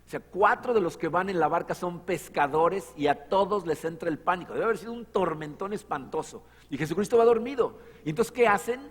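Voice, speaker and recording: A man preaching a sermon as pastor, animated, acting out the voices in the stories he tells. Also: high voice, a little fast, few pauses, breathy edge. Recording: long church hall reverb.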